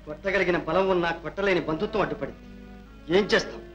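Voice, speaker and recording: Casting: a grave, rapid, sharp-voiced uncle confronting the husband. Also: male voice, high voice, highs cut off, soft background music. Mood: stern. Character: dignified wronged uncle of the wife. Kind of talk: old film drama acting.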